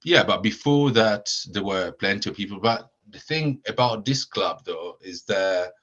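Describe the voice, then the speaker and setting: A low-voiced man, the founder of a supporters club, joins a casual podcast chat as a guest, sounding hesitant with many fillers and repeated words. He's animated, unhurried and a bit bright, but the audio is dull and lo-fi.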